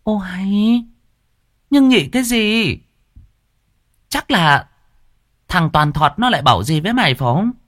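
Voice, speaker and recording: A man doing a shrill, scheming lady of the house. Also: animated, measured pace, pauses often, a bit bright, dry recording, studio quality. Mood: bossy. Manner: shrill, coaxing and bossy. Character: scheming lustful rich woman, landowner's third wife.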